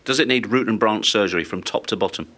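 Male sports reporter, fast talker, sharp bright tone, probing questions. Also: fairly low pitch. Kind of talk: post-match interview questions.

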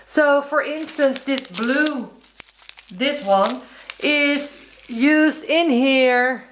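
A woman's voice: high voice, drawn-out words, a bit bright, reverberant, a little hiss or hum, low-quality recording. A woman chatting casually to her viewers as she unboxes and shows off a craft kit, describing each item and calling her audience "guys". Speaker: crafting vlogger.

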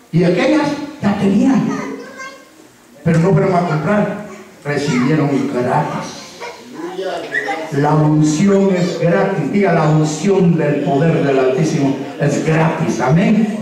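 A man preaching a sermon as pastor, urging the congregation to repeat after him and acting out quoted dialogue. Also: sits high. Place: church. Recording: very echoey church sound from far off.

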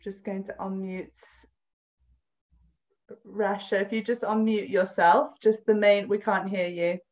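A woman's voice: mid-range voice, little pitch movement, a little mellow. A woman hosting an online cooking class, upbeat and encouraging as she steers the call and hands over to the guest cook. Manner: upbeat, encouraging, quick asides. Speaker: host of an online cookalong. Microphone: laptop video call. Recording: dull, muffled video call audio.

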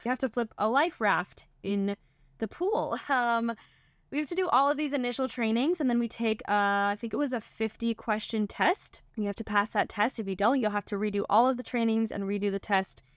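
A woman's voice: a little high, a little fast, dry recording. Woman, 20s, ship performer vlogging to camera; chatty, filler-heavy delivery, clean dry sound. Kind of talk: casual vlog explainer. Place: small crew cabin on a ship.

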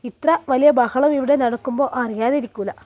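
Woman, Malappuram Malayalam accent, high voice, calm storytelling narration. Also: normal speed.

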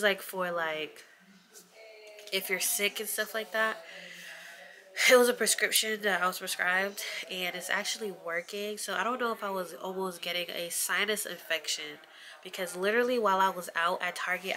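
A vlogger in her twenties, nose stuffy from allergies, chats casually to the camera in a small bedroom, relaxed and full of fillers. Her voice is on the low side at a normal speed, picked up close by a camera sitting on a desk.

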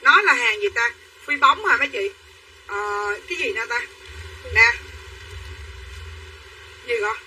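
A woman's voice: on the high side, lively intonation, measured pace, long pauses, sharp tone. A woman, selling dresses on a livestream in chatty sales patter to her viewers. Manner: chatty, addresses viewers as sisters. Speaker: livestream clothing seller. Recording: from a distance, faint room noise.

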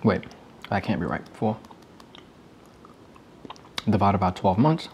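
A man's voice: lowish voice, takes it slowly, darkish tone, a little hiss or hum. A young man in a casual vlog, reading an article aloud and commenting wryly while eating cereal. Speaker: YouTuber.

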